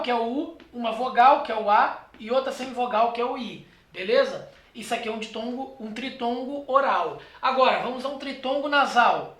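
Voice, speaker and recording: A teacher with a Brazilian accent giving a lecture, talking straight to the viewer and checking in often with quick tag questions. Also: mid-range voice, fairly bright tone. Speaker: exam prep teacher. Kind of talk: classroom lecture. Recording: roomy echo.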